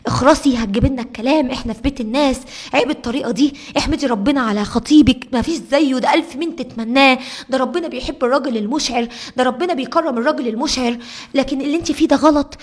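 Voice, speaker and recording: A woman's voice: high-pitched, racing. A woman doing a stern Egyptian mother scolding. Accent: Egyptian Arabic. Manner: scolding, hushing.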